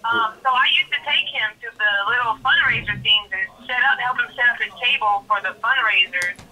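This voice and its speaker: A woman's voice: fairly high pitch, a little fast, pushed and bright, recorded from a distance. A woman telling her personal story in an interview, emotional and repeating herself, heard over a phone line. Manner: emotional, repeats herself, voices others in quotes. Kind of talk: testimony in an interview.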